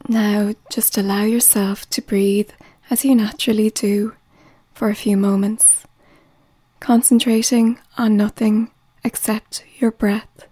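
Woman, relaxation guide: slow soothing delivery with whispered phrases, mellow and steady in pitch. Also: breathy edge, no echo.

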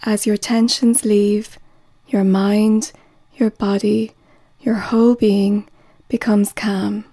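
Woman, relaxation guide: slow soothing delivery with whispered phrases, mellow and steady in pitch. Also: no room sound, clean studio sound.

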